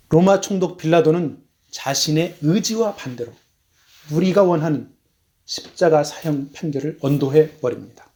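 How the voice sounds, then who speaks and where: A man preaching a sermon as a missionary, emphatic, his voice rising on key words and then falling low, slowing down for stress. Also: a little mellow. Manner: measured, slows down for stress.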